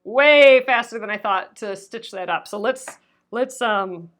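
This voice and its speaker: A woman's voice: a little high, a little slow, a bit bright. A woman hosting a live sewing stream, chatting casually as she stitches, her voice strained and fading from a sore throat. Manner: chatty, rambling, often restarts and laughs. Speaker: crafting livestream host.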